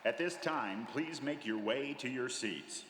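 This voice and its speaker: Man for a loudspeaker announcement in a big hall, formal, with a lively lilt; echoing room with noise behind. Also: medium pitch, measured pace. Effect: public address announcement over hall loudspeakers. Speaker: convention announcer. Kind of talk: formal public address announcement. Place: large convention hall.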